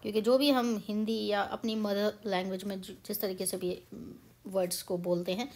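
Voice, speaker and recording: एक युवा भारतीय महिला, भारतीय लहजे में, हिंदी और अंग्रेज़ी मिलाकर, धैर्य से उच्चारण का पाठ बातचीत के अंदाज़ में समझाती है।. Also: female voice, mid-range voice, level tone, moderate pace, darkish tone. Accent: Indian English. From India. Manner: chatty, mixes Hindi and English, explains patiently. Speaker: pronunciation teacher. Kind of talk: casual spoken lesson.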